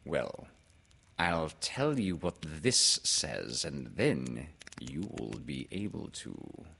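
A pompous owl from a storybook, acted out by a man, in a very low, husky voice. He speaks slowly and deliberately, full of self-importance, with a gravelly creak. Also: big pitch swings, fairly bright tone, exaggerated voice. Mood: anxious, self-important. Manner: drawn-out, deliberate, pompous delivery. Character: Owl, pompous, self-important male bird, a little anxious. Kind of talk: storybook character voice in a read-aloud.

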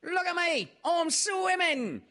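Squeaky little Roo. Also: male voice, very animated, slow pace, exaggerated voice. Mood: excited. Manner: squeaky, shouting. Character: excited little boy kangaroo, boastful and bouncy.

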